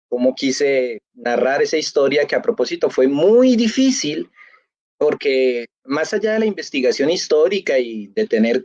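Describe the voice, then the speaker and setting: A man, a novelist being interviewed, speaking thoughtfully and pausing with fillers as he searches for words. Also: medium pitch, a little mellow, dry recording. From Colombia. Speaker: novelist guest. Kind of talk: reflective festival interview. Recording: dry, dull lo-fi audio.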